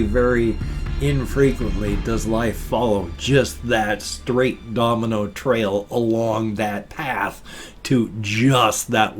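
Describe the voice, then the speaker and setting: An older man giving a casual personal monologue as a vlogger, halting and correcting his words, his speech slightly slurred by ill-fitting dentures. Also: mid-range voice.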